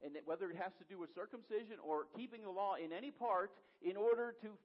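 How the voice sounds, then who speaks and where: A man preaching a sermon who asks rhetorical questions and builds from quiet to loud emphasis. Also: high-pitched, quick pace. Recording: dull lo-fi sound.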